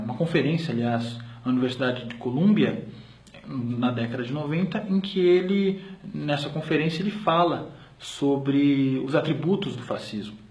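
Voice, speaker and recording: A man's voice: medium pitch, a little mellow. A man with a Brazilian accent presenting an explanatory video lecture, hesitating often with filler sounds and restarting phrases. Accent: Brazilian Portuguese. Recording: roomy echo.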